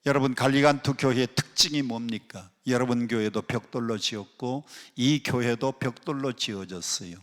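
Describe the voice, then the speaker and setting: A male pastor delivers a sermon in a medium-pitched voice, having the congregation repeat phrases after him. He swings between loud, emphatic rises and hushed, near-whispered drops. The sound carries the long reverb of a large worship hall. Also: normal speed, hardly any pauses. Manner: leads the congregation in call-and-response repetition. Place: worship hall of a prayer retreat.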